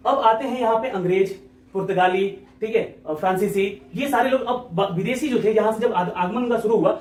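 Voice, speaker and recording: A man teaching an exam-prep lecture, talking quickly and repetitively, often checking in with his listeners. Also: high voice, reverberant, far from the mic.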